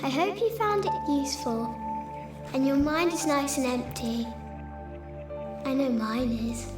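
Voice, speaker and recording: A woman closes a guided meditation in a soothing, gently teasing voice. She speaks high and unhurried. A roomy echo and clear new-age music surround her. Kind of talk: soft, slow meditation sign-off.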